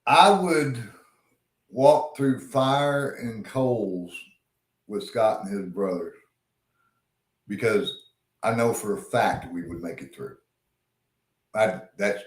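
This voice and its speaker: Laid-back man in an echoey room. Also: mid-range voice. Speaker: co-host. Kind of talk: casual live-stream chat.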